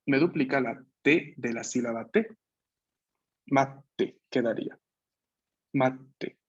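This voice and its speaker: A man teaching an online language class, explaining patiently, repeating key points and checking that students follow. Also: a little high. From Peru. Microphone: video call. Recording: slightly muffled video-call audio.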